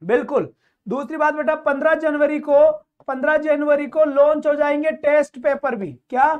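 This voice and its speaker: A man with a notably high voice runs an online exam-coaching lesson. He explains English grammar in Hindi and quizzes his students, calling each one "beta". He breaks off to chat about his courses. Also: steady tone, moderate pace, phone-quality sound. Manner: chatty, mixes in course announcements. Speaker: exam-prep teacher.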